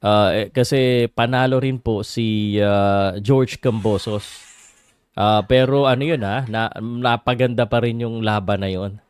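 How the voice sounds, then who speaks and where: A man with a Filipino accent hosts a casual boxing livestream, commenting and chatting with viewers while switching haltingly between English and Tagalog. His lowish voice is smooth and steady, and the recording is dry.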